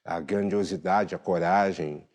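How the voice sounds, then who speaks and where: Brief: male studio guest, deep and mellow, reflective with hesitant fillers. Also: steady tone, measured pace. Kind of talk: TV studio conversation.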